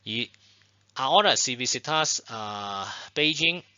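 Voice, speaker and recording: Bright-voiced man teaching in Spanish. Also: medium pitch, expressive, clear, resonant tone, no echo, highs cut off. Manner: explains slowly with repetitions and frequent "bueno" and "ten cuidado". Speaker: Chinese language teacher. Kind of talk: online language lesson.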